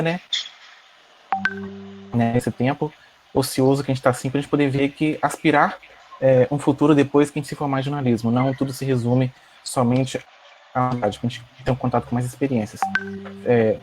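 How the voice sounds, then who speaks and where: A young man with a Brazilian accent giving a halting, formal but unscripted introduction as a student host. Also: medium pitch, fairly even intonation, darkish tone, faint music behind. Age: young adult. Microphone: video call. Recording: noisy video call.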